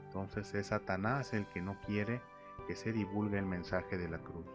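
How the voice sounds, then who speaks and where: A man's voice: lowish voice, steady tone, normal speed. A man teaching a narrated Bible slideshow lesson, reading verses aloud and then explaining them with fillers and restarts. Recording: lo-fi audio with faint music. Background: faint instrumental music.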